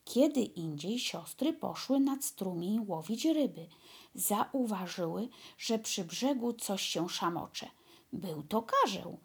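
A woman narrating a fairy tale in a calm, measured storytelling voice. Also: medium pitch, creaky, husky.

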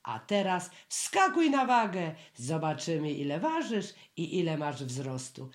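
Earnest, fussy rabbit nurse for a children's storybook, slow and serious, put on by the reader. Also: mid-range voice, sing-song. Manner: careful, serious.

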